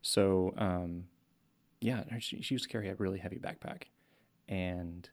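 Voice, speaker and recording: A man with a very low, gravelly voice chats casually as co-host of a talk show. He tells stories in a rambling way and trips over his words as he restarts sentences. He sounds middle-aged. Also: fairly even intonation, normal speed. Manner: rambling storyteller with stammered restarts. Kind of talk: casual chat.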